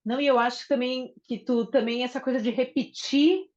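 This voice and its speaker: A woman guest on a podcast talks in a relaxed, conversational way and often checks in with little tag questions. Her voice sits a bit high. The sound is dull and slightly lo-fi. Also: moderate pace.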